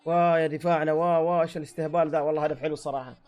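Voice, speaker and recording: A man's voice: on the high side, little pitch movement, rapid-fire, darkish tone. A man giving a live football match reaction, exclaiming and heckling the players into his own microphone. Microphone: own desk microphone.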